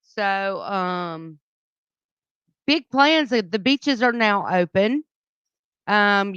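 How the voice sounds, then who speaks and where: A woman's voice: fairly low pitch, fairly bright tone, clear, resonant tone, dry recording, lo-fi sound. Southern woman co-hosting morning radio. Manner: chatty, reads news then riffs casually. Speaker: radio co-host. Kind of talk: casual morning radio chat. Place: radio studio. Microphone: studio microphone.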